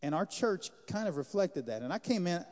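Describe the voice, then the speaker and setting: High-voiced animated male preacher. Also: a little fast. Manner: animated, acts out quoted lines. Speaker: pastor. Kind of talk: sermon. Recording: reverberant hall.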